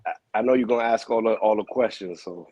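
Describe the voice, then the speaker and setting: A man talks in a relaxed, slangy way as a boxing manager on a video call. His voice sits a bit low. The sound is close and dry. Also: quick pace, dry recording, highs cut off. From New York. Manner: relaxed, slangy, calls people bro. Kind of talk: casual interview.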